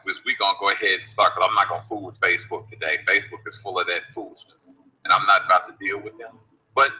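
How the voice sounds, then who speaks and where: A man's voice: lowish voice, sharp tone. A man hosting a casual radio show, talking in a folksy, incredulous way. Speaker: host. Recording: dull lo-fi livestream audio with faint hiss.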